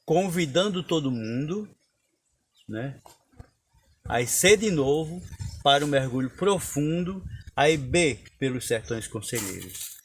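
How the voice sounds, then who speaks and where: A man's voice: a little high, lively intonation, slow, husky. A man teaching a lesson on cordel poetry, explaining step by step and reciting verses.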